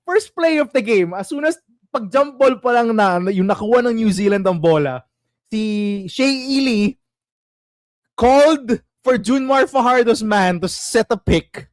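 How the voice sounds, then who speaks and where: A young Filipino man hosting a casual basketball chat, mixing English and Tagalog, animated and quick to laugh. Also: sits high, no room sound, studio quality. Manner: animated, switches languages mid-sentence, laughs often. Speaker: basketball podcast host.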